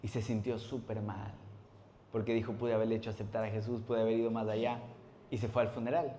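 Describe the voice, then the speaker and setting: A man, a pastor preaching a sermon in a church, telling stories with animated acted-out voices and frequent laughter. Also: fairly low pitch, a little fast, a little hiss or hum. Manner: animated storytelling, acts out voices, laughs often.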